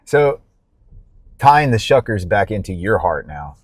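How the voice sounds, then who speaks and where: A man hosting a podcast in a laid-back, chatty way, nodding along with quick affirmations and laughing with his guest. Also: lowish voice, sing-song, slightly rough, no echo. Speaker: podcast host. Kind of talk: casual podcast conversation.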